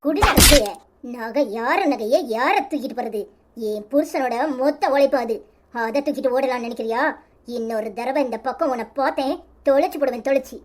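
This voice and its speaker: A furious village woman from a Tamil cartoon, played by a woman, speaking with a Tirunelveli accent. Her voice is fairly high but pushed lower and heavier as she berates relentlessly. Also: a little fast, darkish tone, slight background noise, natural voice. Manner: harsh, berating. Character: fierce protective woman, furious scolder. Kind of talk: cartoon voice acting.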